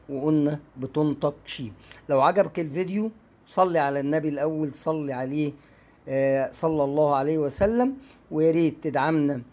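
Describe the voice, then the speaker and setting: Man, Egyptian Arabic accent, English teacher, repeats words, slightly raised pitch. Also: darkish tone. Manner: drills words slowly and repeats them. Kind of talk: YouTube language lesson.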